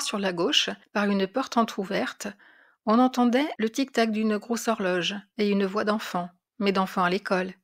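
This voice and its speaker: A woman narrating a classic French short story in a measured, expressive storytelling voice. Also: mid-range voice. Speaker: reader of literary classics.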